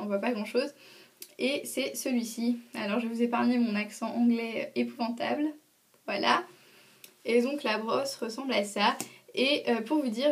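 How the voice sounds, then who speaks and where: A woman's voice: a little high, recorded from a distance. Young woman chatting about beauty products. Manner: hesitant, many fillers and restarts. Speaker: beauty vlogger. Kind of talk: casual product review.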